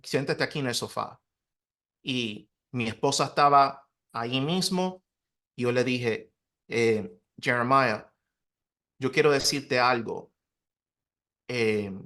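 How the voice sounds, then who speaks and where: A man in his thirties, a pastor, giving an earnest, confessional personal testimony in conversation, his voice dropping softly at emotional points. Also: a little high. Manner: earnest, confessional, soft-spoken with emotional dips.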